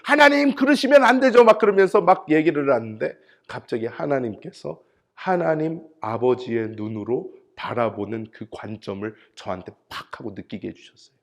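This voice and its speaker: A man's voice: mid-range voice, moderate pace, creaky. A middle-aged man preaching a sermon as pastor in a church, telling stories and acting out the voices of the people in them. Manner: animated storytelling, acting out quoted voices. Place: church sanctuary.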